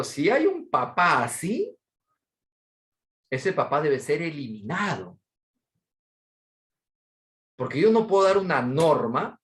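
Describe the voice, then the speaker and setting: A man, giving a class lecture as a teacher, telling anecdotes and asking rhetorical questions. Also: high-pitched. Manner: animated storyteller, rhetorical questions.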